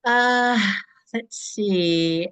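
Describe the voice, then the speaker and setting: A woman born in Greece, speaking as a guest over a video call, reflective and halting, often restarting her sentences. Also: mid-range voice, a bit bright, smooth. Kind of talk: casual interview chat.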